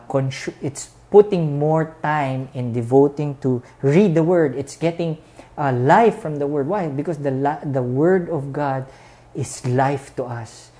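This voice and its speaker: A Filipino woman preaches into a pulpit microphone with a very low, mellow voice. She speaks earnestly, building emphasis through repeated phrases as she moves from sermon into prayer.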